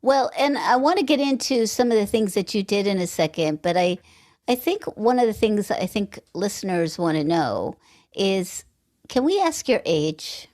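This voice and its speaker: A woman's voice: mid-range voice, animated, darkish tone. Chatty woman hosting a podcast. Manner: chatty, conversational, with asides and quick laughs. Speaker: podcast host. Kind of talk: casual interview chat.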